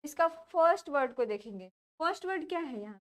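Indian lady teacher, high voice, explains grammar step by step, keeps asking then answering her own questions. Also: animated, brisk, a bit bright. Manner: asks questions and answers them herself, repeats key points. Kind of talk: classroom lesson explaining grammar.

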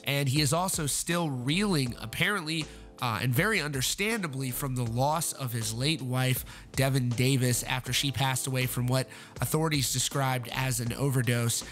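An earnest man narrating a rock news update as host, speaking at a middling pitch. He leans on fillers and restarts as he goes. Faint music plays softly under his voice. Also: moderate pace. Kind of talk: voice-over news report.

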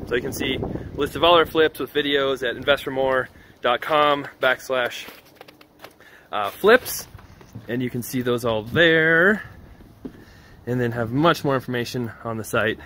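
A man's voice: medium pitch, noisy background. A man walking through a half-renovated house with a handheld phone, casually narrating what he sees. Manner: relaxed, offhand, thinking aloud with small restarts. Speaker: real estate investor giving a house tour. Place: empty house under renovation, indoors and out.

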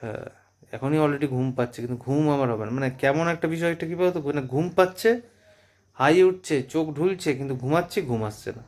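A man's voice: a little high, fairly quick, a little mellow. A man in his thirties chatting casually on a family vlog at home at night, patiently coaching his daughter's pronunciation and talking about his day. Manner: patient, drilling a child on pronunciation, chatty asides. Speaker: vlogger.

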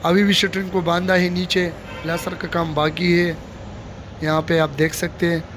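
In a casual walking vlog at a cricket stadium under construction, a man gives construction updates while holding the phone camera himself. His high, slightly bright voice keeps a level tone and moderate pace, he speaks to viewers directly and repeats his showing phrases, and faint background noise carries through.

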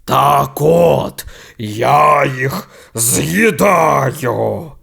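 A man voicing a slow, menacing sea monster. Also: medium pitch, expressive, creaky, fairly bright tone, husky, exaggerated voice. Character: huge angry male sea monster kronosaur.

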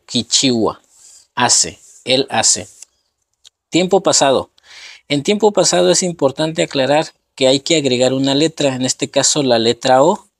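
A man's voice: mid-range voice, dry recording, clean studio sound. A man with a Mexican Spanish accent teaching grammar step by step, patiently repeating each word to drill pronunciation. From Guerrero, Mexico. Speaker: language teacher. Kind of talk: slow step-by-step grammar lesson.

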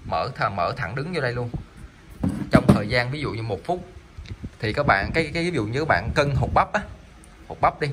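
A man's voice: mid-range voice, lively intonation, normal speed, long pauses, heavy background noise. Rambling man selling salvage electronics. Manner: rambling, stammering, lots of fillers. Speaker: online seller of salvage electronics. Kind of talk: casual sales talk while demonstrating parts.

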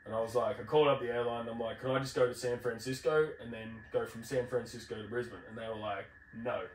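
Aussie or kiwi sounding bloke telling yarns, slangy and sweary, echoey room, bit far from the mic. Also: male voice, medium pitch, fairly even intonation, quick pace. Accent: Australasian. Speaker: podcast host. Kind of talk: casual chat, telling travel anecdotes. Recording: roomy, distant mic, faint background noise.

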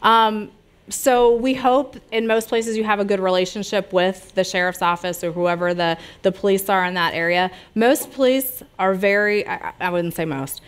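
A woman's voice: medium pitch, normal speed, clear, resonant tone. A middle-aged woman from the United States giving an informal public health talk and answering audience questions in a small lounge, speaking conversationally and gesturing freely. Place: small lounge with brick walls, seated audience.

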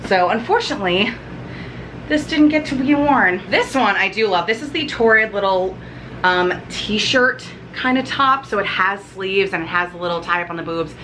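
A woman's voice: mid-range voice, lively intonation, moderate pace, bright, forceful tone, a little hiss or hum. A woman in her thirties chatting casually as she unpacks, rambling with lots of "um" and "like", filmed at home in her living room. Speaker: vlogger. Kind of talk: casual unpacking haul chat.

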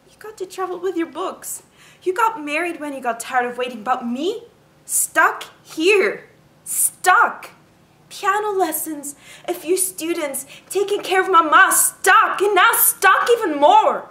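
Young woman played by an actress, frustrated and yearning, stage monologue, bright high voice, tears held back. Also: animated, moderate pace. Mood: anguished frustration. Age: young adult. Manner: emotional, holding back tears. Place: living room indoors. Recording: roomy echo, faint background noise.

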